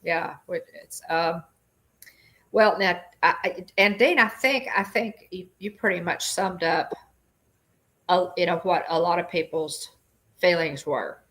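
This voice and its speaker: A woman's voice: fairly low pitch, measured pace, a bit bright. A woman hosting a casual livestream chat, reading viewer comments and talking with lots of fillers and restarts. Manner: chatty, many fillers and restarts.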